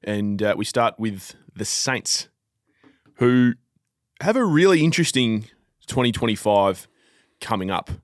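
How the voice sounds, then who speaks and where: Aussie male podcast co-host, lowish voice, rambling with fillers, dry studio sound. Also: big pitch swings, a little slow, pauses often, no room sound. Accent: Australian. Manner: rambling storyteller, many fillers. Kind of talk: casual footy chat.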